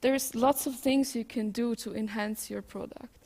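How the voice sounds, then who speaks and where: Higher-voiced woman with a Swiss German accent. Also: steady tone, moderate pace, warm tone. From Switzerland. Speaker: conference speaker, developer. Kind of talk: informal tech conference presentation.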